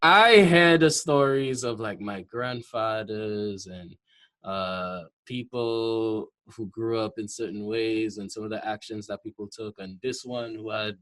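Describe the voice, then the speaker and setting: A relaxed host guides a casual interview, in a voice of middling pitch. He talks in loose, filler-heavy turns and pauses to invite viewers into the discussion. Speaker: podcast host.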